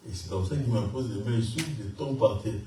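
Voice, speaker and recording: A young man giving a lively personal testimony to a church congregation, mixing in casual street slang. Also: fairly low pitch, quick pace, a little hiss or hum. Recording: echoey room, distant mic, faint ambience.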